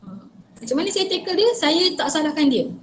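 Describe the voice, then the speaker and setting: High-voiced woman giving an earnest online talk. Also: very animated, fairly quick, reverberant, slight background noise. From Malaysia. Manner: earnest, advisory, mixes English phrases into her speech. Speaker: speaker on child protection. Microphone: video call.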